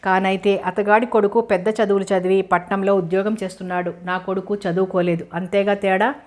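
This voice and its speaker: A scheming, spiteful middle-aged village man from a storybook, sneering as he gossips, put on by a woman narrating. He talks at a medium pitch, in a needling, grudging tone. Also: flat delivery, brisk, a little mellow, close to an everyday voice. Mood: resentful.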